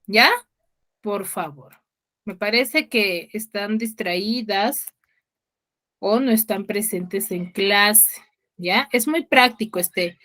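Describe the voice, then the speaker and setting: A woman's voice: mid-range voice, a bit bright. A woman teacher giving an online class over a video call, explaining patiently and often checking in with her students.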